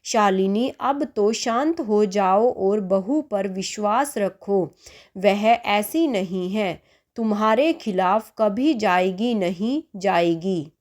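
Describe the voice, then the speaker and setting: A woman voicing a calm, patient middle-aged husband who talks soothingly and reassuringly in a storybook tale. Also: medium pitch, takes it slowly, natural voice.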